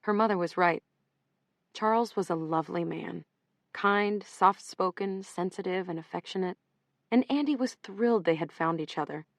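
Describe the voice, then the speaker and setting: A woman narrating an audiobook in a measured, even storytelling manner. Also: on the low side, no echo.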